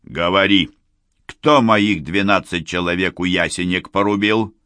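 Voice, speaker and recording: A man voicing a cruel, menacing male bandit chieftain who growls threats slowly. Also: deep voice, bright, forceful tone, no echo. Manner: growling, threatening, slow and drawn out. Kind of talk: audiobook character voice.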